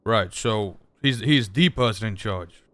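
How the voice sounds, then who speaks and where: A man's voice: on the low side, unhurried, a bit bright, no echo. A man in an improvised crime game role-play, questioning in a confrontational, pressing way. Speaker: role-player as a gang business partner.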